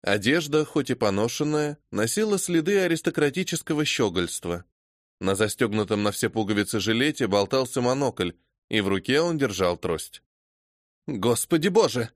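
A man with a mid-range voice narrates an audiobook from a script, reading in a measured, even way. The recording is dry and of studio quality.

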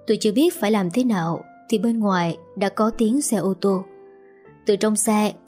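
Mellow woman narrating a first-person story. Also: medium pitch.

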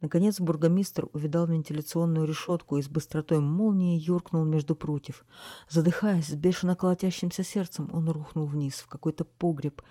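A woman narrating a children's storybook in a lively, expressive way on a close mic. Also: low voice, a little fast, no echo. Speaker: audiobook narrator.

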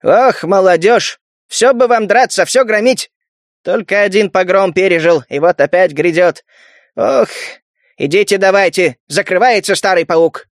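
A man voicing an old spider-like male mutant trader with a creaky, grumbling voice. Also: sits high, very animated, normal speed, no echo, studio quality. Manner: grumbling, reproachful.

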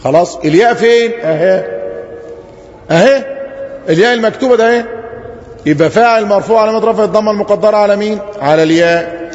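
رجل بلهجة مصرية يشرح درسًا في قاعة فيها صدى. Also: male voice, high voice, quick pace, long pauses, darkish tone. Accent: Egyptian Arabic. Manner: asks the class questions and answers them himself, drawing out example phrases. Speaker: teacher. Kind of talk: grammar lesson to a class. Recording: roomy lo-fi hall recording.

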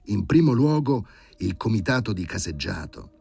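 A man's voice: lowish voice, big pitch swings, normal speed, creaky, a little mellow, husky, voice pushed up, full character voice. A man voicing a coarse, cocky man who used to be a stray dog, talking back with brash, sarcastic insolence in an audiobook reading.

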